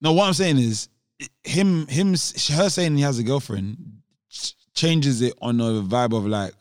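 A young podcast co-host with a London roadman accent (Multicultural London English) chats casually, slangy, emphatic and argumentative. His voice is medium-pitched and unhurried.

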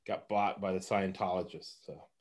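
A man's voice: low-pitched, steady tone, normal speed. A man from Los Angeles giving casual sports betting picks, rambling and laughing often.

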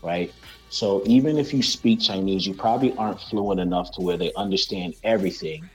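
A middle-aged man with a slight lisp tells stories in a casual chat. He is animated and restless, acting out the voices he quotes and restarting his sentences often. Faint music plays behind him. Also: low-pitched, fairly quick, low-quality recording. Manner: animated storyteller, acts out quotes, many restarts. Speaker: guest, basketball coach.

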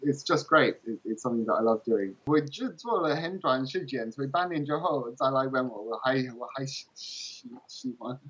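A male native English speaker talks as a foreigner speaking Mandarin, with an English accent. His voice is on the husky side and middling in pitch. He chats casually as a guest, pausing for words and switching into English, and the sound is a little muffled. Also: lively intonation, a bit bright. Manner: halting, searching for words. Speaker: interview guest, game translator. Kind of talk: casual interview chat.

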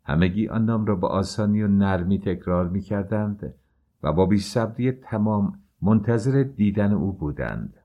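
A man narrating a classic novel as an audiobook, reading in a measured, even way. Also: fairly low pitch, phone-quality sound.

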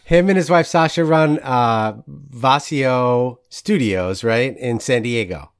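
A man's voice: mid-range voice, takes it slowly, smooth. Upbeat rambling male podcast host. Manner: enthusiastic, rambling, laughs often. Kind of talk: casual interview chat.

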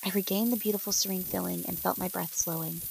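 A woman's voice: fairly low pitch, fairly even intonation, fast, gravelly, a little hiss or hum, low-quality recording. A woman reading a first-person story aloud and speaking the characters' lines in nearly her own voice. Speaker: narrator.

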